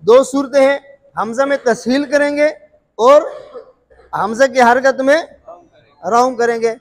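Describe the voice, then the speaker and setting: A man's voice: very high voice, unhurried, in a large hall. A man teaching Quran recitation rules, repeating terms, quizzing his listeners and drawing out sung examples. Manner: frequent filler "what's it called". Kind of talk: explaining recitation rules to students.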